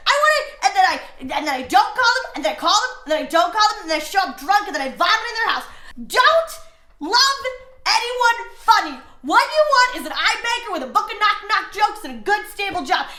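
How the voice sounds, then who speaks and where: A woman's voice: very high-pitched, bright, forceful tone. A young woman hosting a comedic advice show, rambling and self-deprecating. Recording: echoey room.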